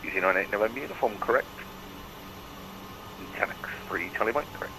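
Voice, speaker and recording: A man's voice: lowish voice, fairly quick. A man working as an air traffic controller, giving procedural instructions over the radio. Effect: radio transmission. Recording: radio transmission with faint noise.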